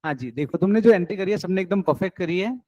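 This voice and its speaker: High-voiced man teaching accounts class. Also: animated, fast, mellow, no echo, lo-fi sound. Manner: coaxing and encouraging, mixing English terms.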